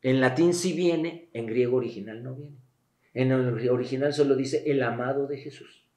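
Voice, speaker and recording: A man's voice: medium pitch, normal speed, a little mellow. A man, explaining things as a guest expert in an interview, emphatic and blunt, like a teacher. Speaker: guest expert on the Bible and sexuality. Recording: echoey room.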